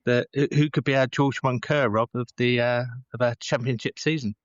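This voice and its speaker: A man's voice: medium pitch, steady tone, moderate pace, dry recording, dull audio. A man co-hosting a podcast in casual sports chat, speaking outdoors from his back garden. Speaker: podcast co-host.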